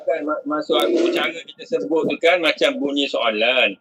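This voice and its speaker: A man's voice: a little high, normal speed, fairly bright tone, a little hiss or hum. A man with a Malaysian Malay accent, a student in a casual study chat who asks questions and restarts his thoughts.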